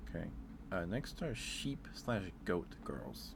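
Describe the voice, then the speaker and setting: A man streaming ASMR muses aloud in a hesitant, rambling way, his low voice slow, sing-song and creaky. Background noise can be heard behind his casual chat.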